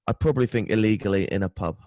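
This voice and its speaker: A tired, hungover British man chatting casually about sport as a podcast guest, halting and stumbling over his words. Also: on the low side, a little mellow, dry recording, clean studio sound. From United Kingdom. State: tired and hungover, short of sleep.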